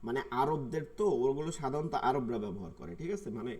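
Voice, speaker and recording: A man, teaching an online tajweed class and patiently repeating words slowly to show their pronunciation. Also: medium pitch, animated, a little mellow. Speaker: Quran recitation teacher.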